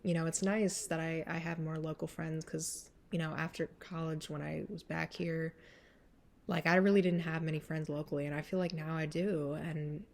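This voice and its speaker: A young woman with a slightly mellow, fairly even voice speaks at a moderate pace, though sinus trouble leaves her sounding stuffy. Before singing a cover song, she rambles casually through her intro with many fillers, rising high on emphatic moments.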